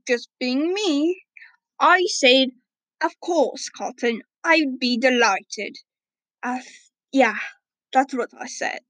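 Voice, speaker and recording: A woman's voice: high voice, no echo, poor audio. A woman voicing a rambling, forgetful ancient grandfather wolf-creature who tells a tale to his grandchildren. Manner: rambling, loses his train of thought.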